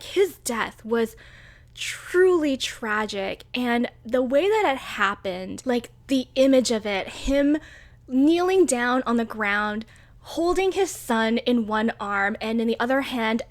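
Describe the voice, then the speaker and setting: A young woman chatting casually about a book she loved, excitable and gushing, with lots of "like" and "oh my god". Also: sits high. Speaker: book reviewer.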